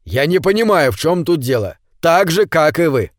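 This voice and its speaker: A man's voice: a little high, sing-song, moderate pace, dry recording, clean studio sound. A man reading an audiobook, voicing a peaceful homeowner who pleads and defends himself before his neighbors. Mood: defensive anxious. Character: peaceful middle-aged man, anxious then defiant.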